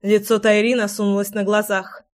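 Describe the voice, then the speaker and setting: A woman narrating a fantasy audiobook in a steady, even storytelling voice. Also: mid-range voice, moderate pace.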